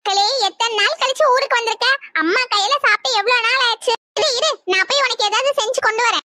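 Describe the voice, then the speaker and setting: Cartoon village mother, doting, coaxing, high-pitched, bright, voiced by a woman. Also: fast talker, a little hiss or hum. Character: warm fussing village mother, middle-aged.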